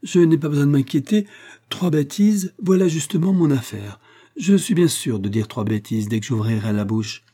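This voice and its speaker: A man putting on a fussy old spinster's voice, lifted high and breathy-husky over a dark, mellow tone. She chatters eagerly and apologizes for herself at every turn. A storybook reading. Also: normal speed. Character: elderly chatty self-deprecating spinster.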